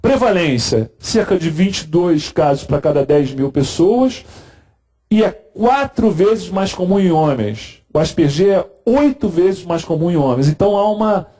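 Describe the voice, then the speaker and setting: A man's voice: sits high, animated, a little slow, warm tone. A man giving a conversational medical lecture, explaining with everyday examples.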